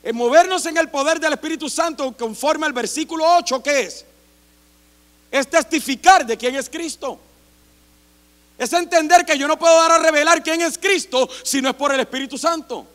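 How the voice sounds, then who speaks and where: A middle-aged man preaching a sermon as pastor, impassioned and rising to shouts. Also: very high voice, normal speed. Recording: long hall reverb.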